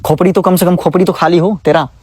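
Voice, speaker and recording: Aggrieved young man, slightly high voice. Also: fairly even intonation, quick pace, darkish tone, a little hiss or hum. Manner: aggrieved, pleading and scolding. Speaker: vlogger. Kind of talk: emotional direct-to-camera vlog.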